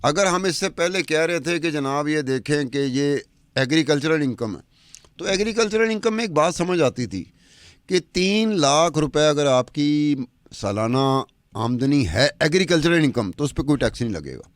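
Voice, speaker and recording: A man's voice: fairly high pitch, expressive, no echo. A man, a podcast commentator talking across from a woman anchor, stacking up rhetorical questions in an argumentative way.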